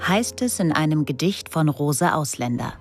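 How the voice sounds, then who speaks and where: A woman reading the scripted narration of a radio feature in a calm, measured way. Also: low-pitched. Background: music underneath.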